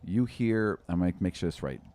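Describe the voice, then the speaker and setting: A middle-aged man casually narrates a tabletop game as game master, describing scenes in detail into a close studio podcast mic with a windscreen in a small indoor studio room. His voice sits low and warm, with lively intonation at a normal speed.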